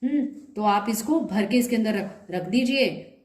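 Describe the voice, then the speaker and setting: This cooking video host, a woman whose throat is slightly sore, explains a home recipe step by step in a friendly, chatty tutorial with English words sprinkled in. Her voice sits at medium pitch with a measured pace and a slightly mellow quality. The room is echoey.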